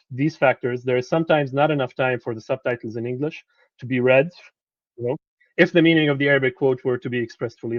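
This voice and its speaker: A man's voice: medium pitch, no echo, dull audio. A man presenting a lecture on translation to students, speaking conversationally and often repeating words as he searches for them.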